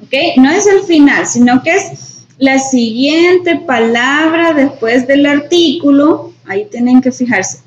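A woman's voice: sits high, slow pace. A woman teaching English grammar in a class, patient and repeating each point with "right?". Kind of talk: online class explanation. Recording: roomy, dull sound with faint noise.

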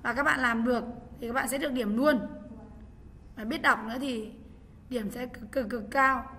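A woman's voice: fairly high pitch, fairly even intonation, normal speed, bright, forceful tone, big-room sound, a little hiss or hum. A woman with a Vietnamese accent teaching an English pronunciation lesson, patiently repeating key points and calling on students. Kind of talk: online class lesson.

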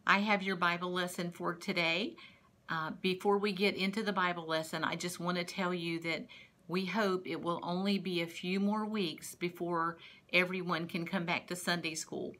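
A woman's voice: on the low side, steady tone, normal speed, pushed and bright. A woman teaching a Bible lesson to young children as a patient storyteller. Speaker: Sunday school teacher.

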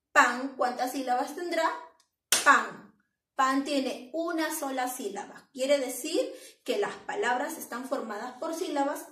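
A woman teacher giving a children's lesson, speaking slowly and clearly and clapping out each syllable. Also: sits high, a bit bright, roomy sound, far from the mic, low-quality recording. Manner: slow, clear classroom delivery with claps.

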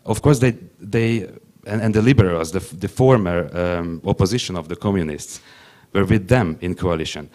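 This young panelist, a native Hungarian speaker, works through his English haltingly, frequently starting over as he talks into a handheld microphone. He has a low voice with a darkish tone.

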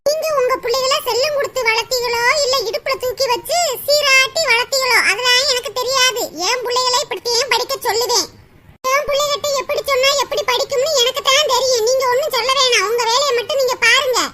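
A woman's voice: very high voice, steady tone, quick pace. A woman voicing a strict, quarrelsome young mother with a rural southern Tamil accent in a cartoon. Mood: arguing. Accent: southern Tamil Nadu rural. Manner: complaining, loud, argumentative. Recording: loud background noise.

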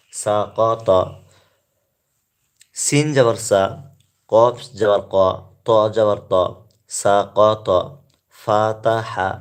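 Man teaching quran letters, slow careful spelling out, lowish calm voice. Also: smooth. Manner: slow, deliberate letter-by-letter recitation; calm explaining to viewers. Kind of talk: slow recitation lesson.

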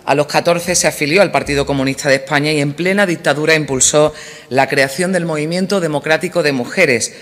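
A man reading scripted documentary narration in a measured, formal way. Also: on the high side, a bit bright. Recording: long hall reverb.

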